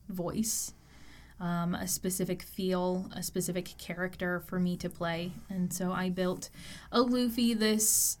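A woman co-hosting a casual podcast chat, talking thoughtfully with frequent pauses and fillers. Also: fairly low pitch. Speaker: podcast co-host. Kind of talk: casual chat about tabletop characters.

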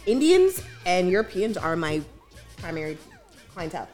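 A woman with a slightly low voice answers questions in casual conversation. She is informal, blunt and emphatic, and there is faint music underneath. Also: sing-song, moderate pace, a little mellow. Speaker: grooming professional, guest. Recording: music behind the voice.

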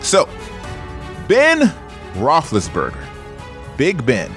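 A man hosting a casual sports talk show in an energetic, emphatic manner. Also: mid-range voice. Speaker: sports podcast host.

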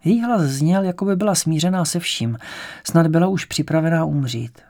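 A man calmly narrating a crime novel as an audiobook reader. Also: fairly high pitch. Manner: calm, measured storytelling.

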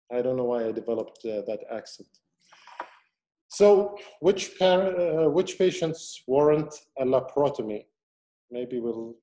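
Mellow-voiced man giving a medical lecture. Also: medium pitch. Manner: methodical teaching with audience questions. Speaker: surgeon lecturer.

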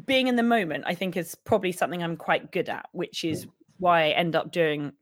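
A young woman co-hosting a podcast, with a croaky, husky voice, chatting and laughing as she rambles. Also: fairly low pitch, expressive, brisk, no room sound, clean studio sound. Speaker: podcast co-host. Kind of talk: casual podcast chat.

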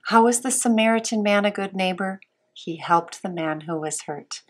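A woman teaching a Bible lesson to young children as a Sunday school teacher, sweet and patient, asking simple questions with pauses. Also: mid-range voice.

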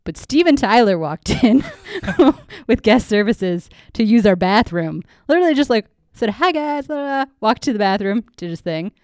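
A woman's voice: medium pitch, expressive, normal speed, hardly any pauses, a little mellow, dry recording, studio quality. A woman co-hosting a podcast in casual chat, laughing often and chatting in an upbeat way. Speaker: podcast co-host.

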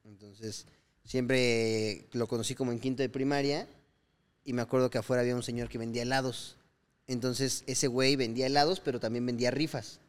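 A man with a Mexican accent chats loosely on a podcast, spinning anecdotes. His voice sits in an ordinary middle pitch. He drops into playful voices for the people he quotes. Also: fairly quick, clear, resonant tone. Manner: lively storyteller acting out quoted lines with slang. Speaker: podcast co-host. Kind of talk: casual podcast chat.

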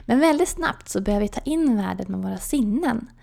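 A woman coach telling a personal story and explaining an idea in a calm storytelling way, with soft whispered asides. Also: a little high, vocal fry.

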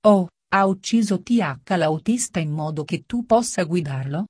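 A woman voicing a worried gentleman in a storybook reading, with a plain, questioning manner. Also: lowish voice, expressive, moderate pace, breathy edge, no room sound, clean studio sound. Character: worried gentleman, adult man, the brother.

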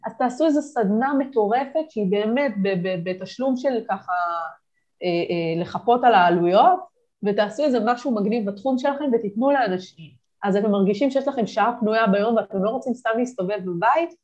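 A woman business coach speaking as a guest on a podcast, giving energetic motivational advice with lively emphasis. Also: fairly high pitch, muffled recording.

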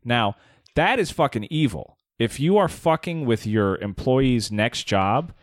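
A man's voice: mid-range voice, expressive, a little slow, dry recording, studio quality. A man in casual podcast chat who reads a news story aloud and then argues with it skeptically, swearing freely.

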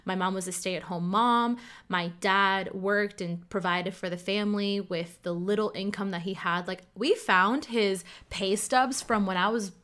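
A woman tells her story candidly and casually, her conversation filled with frequent "like"s. Originally a Cantonese speaker, she's from Ottawa, Canada. She speaks at a measured pace in a steady, fairly bright, medium-pitched voice.

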